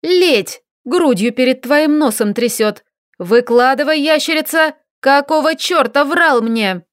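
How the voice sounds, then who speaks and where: A woman voicing a furious young woman who shouts accusations at her lover. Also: high voice, very animated, slow, no room sound, clean studio sound, pitched above the performer's own voice, exaggerated voice.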